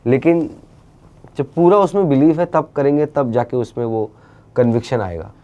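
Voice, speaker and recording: A man speaking as an interview guest, talking in an animated, casual way and dropping English phrases into his speech. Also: medium pitch, moderate pace, dull audio. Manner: animated, mixes English into speech, many fillers. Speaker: interview guest, actor and creator.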